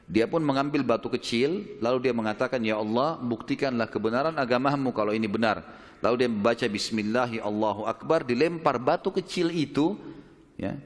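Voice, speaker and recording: A male preacher tells a historical story in a lively, repetitive sermon style. His voice sits at an average pitch. A long hall reverb rings after each phrase.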